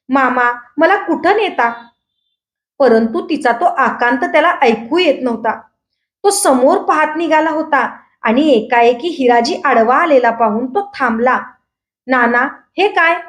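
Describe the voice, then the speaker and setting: Marathi lady telling a dramatic story, high voice, roomy echo. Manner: expressive, raises voice for characters' shouted lines.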